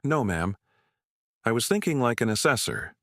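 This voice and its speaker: A man's voice: medium pitch, sing-song, moderate pace, a bit bright, no room sound, clean studio sound. A man voicing a polite, formal male tax assessor in a small town. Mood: apologetic.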